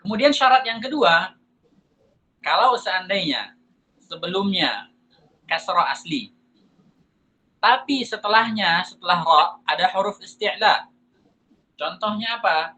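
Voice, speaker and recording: An Indonesian man teaching a lesson on Quran recitation, asking and answering his own questions and reciting examples slowly. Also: high-pitched, expressive, sharp tone, low-quality recording. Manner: slow drawn-out recitation of examples. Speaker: tajwid teacher.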